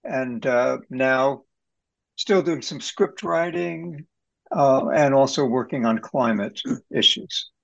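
A man in his eighties giving a halting, casual introduction on a video call. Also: mid-range voice, creaky, muffled recording. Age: 80s. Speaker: panel guest.

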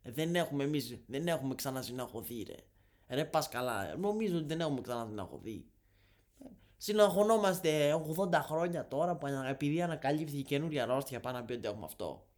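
A young man voicing a grumpy old man at a village café who scoffs at being ill, gruff and low. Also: lively intonation, a little mellow, lightly acted. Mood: scoffing. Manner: gruff, dismissive, swearing.

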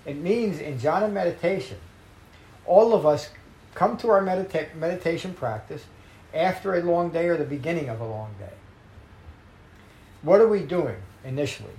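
A man leads a meditation class, reading an old Buddhist text aloud and then explaining it in a measured, emphatic way. His voice has a gravelly edge, and the room gives it a noticeable echo with a faint hum of ambience behind it. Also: on the high side, expressive, a little mellow. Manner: measured, emphatic teaching with slowed key phrases. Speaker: meditation teacher. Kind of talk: dharma talk reading a sutta.

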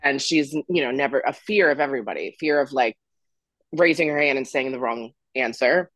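A man's voice: medium pitch, moderate pace, a bit bright, no echo. A man in his twenties who grew up in Florida, a podcast guest telling his story in a candid, rambling way with stops and restarts. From Florida, USA. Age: 20s. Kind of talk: casual interview storytelling.

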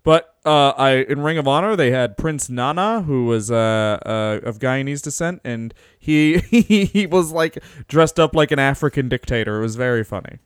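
A man with a medium-pitched, clear and resonant voice co-hosts a wrestling podcast, recorded dry. He talks at a moderate pace with few pauses, telling animated stories in a loose, joking way and laughing often during the casual chat.

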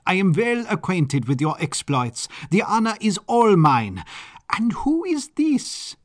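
A man's voice: high voice, very animated, a little slow, pitched above the performer's own voice. A man voicing a flamboyant, eccentric male baron who talks in an effusive, squealing, theatrical way in a storybook reading. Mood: gushing.

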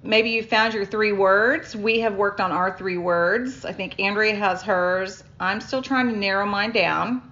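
A woman's voice: medium pitch, measured pace, hardly any pauses, a bit bright, muffled recording. A middle-aged woman co-hosting a podcast in casual chat, laughing often, recorded on a phone. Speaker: podcast co-host.

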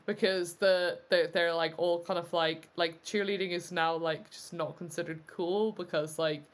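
Co-hosting a podcast, a woman chats casually about a film, rambling with plenty of fillers and restarts and laughing often. Her voice is on the low side, steady, and moderately paced.

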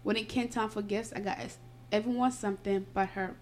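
Woman, podcast host; casual read-aloud, slight retainer slur, mid pitch. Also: steady tone, fairly quick. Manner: slightly slurred speech from retainers. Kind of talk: casual podcast chat, reading a post aloud. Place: indoors, home recording. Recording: buzzing noise in background.

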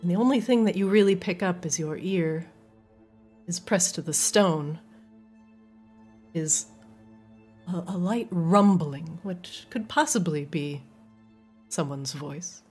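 Unhurried, husky woman game master. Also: lowish voice, a little mellow, faint music behind. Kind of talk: narrating a tabletop role-playing game.

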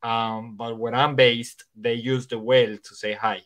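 This English teacher, a native Spanish speaker, chats on a podcast with a mid-range, fairly bright voice, delivering things flatly and without hurry. His Spanish accent shows some Irish and American touches, and he rambles, restarting often and leaning on fillers.

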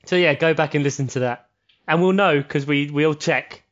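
A man's voice: on the high side, moderate pace. Rambling, sweary man, dull sound. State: tired. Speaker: podcast co-host. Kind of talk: casual chat.

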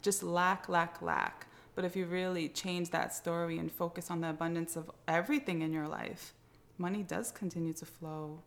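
A woman's voice: fairly low pitch, steady tone, normal speed, gravelly. A woman co-hosting a podcast in casual chat, earnest and motivational, laughing readily. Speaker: podcast co-host.

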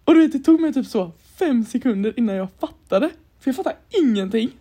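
A woman's voice: a little high, expressive, dark tone. A young woman from Sweden co-hosting a podcast, telling a story in casual chat and acting out the lines she quotes. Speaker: podcast co-host.

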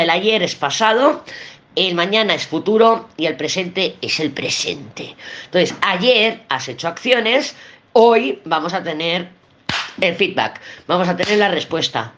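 A woman's voice: fairly low pitch, a bit bright, lo-fi sound. A woman with a Spain Spanish accent giving a weekly tarot reading, blunt and emphatic, swearing and repeating herself for emphasis. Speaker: tarot reader.

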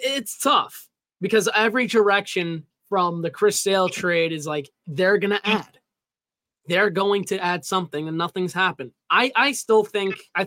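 Man, fairly high voice, dry close sound, casual sports chat, loose and jokey. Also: bright, forceful tone, no room sound. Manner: loose, filler-heavy, jokey. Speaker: podcast co-host.

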